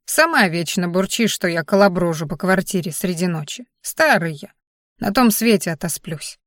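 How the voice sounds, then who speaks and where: A woman voicing an elderly father-in-law who talks briskly, grumbles and reassures, in an audiobook. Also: lowish voice, expressive, a bit bright, no room sound, clean studio sound. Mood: gruffly reassuring. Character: elderly male father-in-law, gruff but caring.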